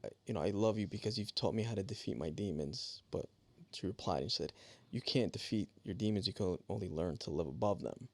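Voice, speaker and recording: A man's voice: deep voice, a little fast, hardly any pauses. A man hosting a podcast, supportive, chiming in with affirming murmurs and reflective remarks. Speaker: podcast host. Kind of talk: casual interview chat.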